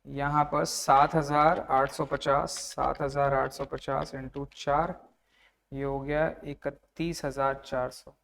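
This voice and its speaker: A young male tax tutor gives an online lecture, working through a problem step by step. His medium-pitched voice is gravelly yet fairly bright, level in tone and slow. He talks conversationally, repeats each figure and calls his students "sir."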